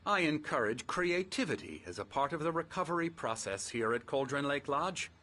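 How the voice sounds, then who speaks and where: Condescending psychiatrist, animated delivery. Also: male voice, fairly high pitch, moderate pace. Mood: patronising, genial. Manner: patronising, falsely soothing. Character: smooth, condescending, controlling male psychiatrist running a clinic. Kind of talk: dramatic video game dialogue. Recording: music playing behind.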